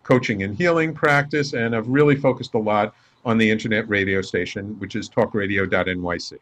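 Man telling stories in lively chat. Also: lowish voice, brisk. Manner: animated storyteller acting out quoted dialogue. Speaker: life coach and radio host, guest. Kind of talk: casual storytelling interview.

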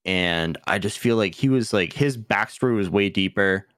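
A man's voice: fairly low pitch, moderate pace, fairly bright tone, no echo, clean studio sound. A man co-hosting a podcast in casual chat, laughing often and swearing casually. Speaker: podcast co-host.

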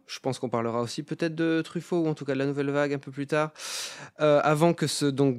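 Male host, mid-pitched, dry studio sound; articulate, scripted film-show presentation. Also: darkish tone, dry recording. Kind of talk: scripted introduction to a film round table.

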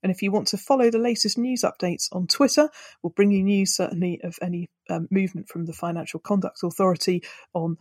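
A woman's voice: medium pitch, fairly even intonation, fairly quick, darkish tone, dry recording, studio quality. A woman with a British accent presenting a podcast and interviewing as its host.

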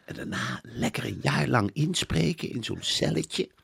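A man's voice: mid-range voice, very animated, moderate pace, creaky, fairly bright tone, breathy edge, no echo, pitched above the performer's own voice, exaggerated voice. A man putting on the voice of a gushing male publisher coaxing authors, mock-sweet and at times whispering.

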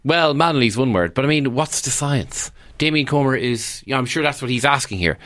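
A man's voice: medium pitch, expressive, a little fast, a bit bright, no echo. Man chatting, dry close sound. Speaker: podcast co-host. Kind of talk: casual sports chat.

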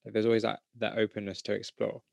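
Low gravelly guy hosting an art podcast, dry close mic, faint music under it. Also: dry recording. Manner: scripted, measured intro then relaxed, enthusiastic chat. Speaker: podcast host. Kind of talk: interview podcast host.

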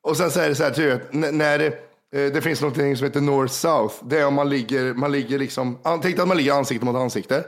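A man co-hosting a chat podcast, hoarse from a cold, telling rambling stories and swearing casually. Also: medium pitch, steady tone. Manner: rambling storyteller, swears freely. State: hoarse from illness. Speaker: podcast co-host.

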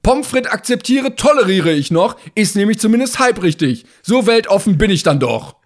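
High, lively male podcast co-host. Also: moderate pace. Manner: playful, jokey banter. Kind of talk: casual chat.

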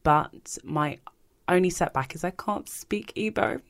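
Podcast co-host, woman from London, low voice, easygoing and thoughtful. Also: animated, a little slow, vocal fry. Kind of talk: casual chat.

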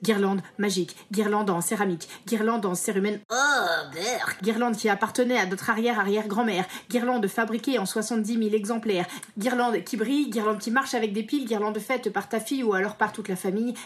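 A woman hosting a podcast for children and parents, reading a playful scripted list with tongue-in-cheek asides. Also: medium pitch. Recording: music bed behind.

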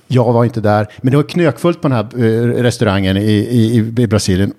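A man who travels for a TV show, chatting casually and telling an animated story, shouting and mimicking when he gets excited. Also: mid-range voice. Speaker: TV travel presenter and guest storyteller.

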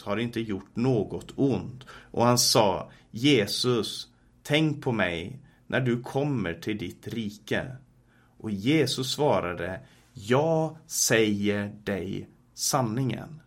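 A man's voice: mid-range voice, fairly bright tone. A man with a Swedish accent teaching a sermon, reading scripture passages aloud and explaining them with frequent fillers and restarts. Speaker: preacher.

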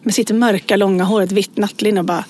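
A podcast co-host in her forties, whose medium-pitched voice has a breathy edge, tells anecdotes in casual conversation. She is an animated storyteller who acts out the voices of the people in her stories.

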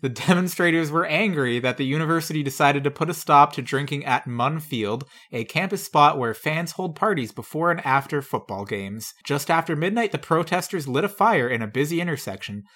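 A man with a somewhat high-pitched voice co-hosts a relaxed podcast. He reads old headlines aloud and breaks off for dry, wry remarks. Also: fairly quick, hardly any pauses. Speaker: podcast co-host. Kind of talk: casual chat reading old news.

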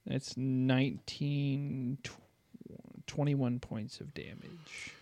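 A man playing a tabletop game, excitable and prone to swearing, reacting to his rolls. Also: mid-range voice, drawn-out words, a little hiss or hum. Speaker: player.

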